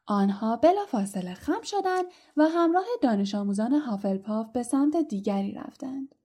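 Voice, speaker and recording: Mellow woman reading an audiobook. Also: a little high, husky. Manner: expressive storytelling, dropping to a hush in tense moments. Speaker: audiobook reader. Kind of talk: audiobook narration.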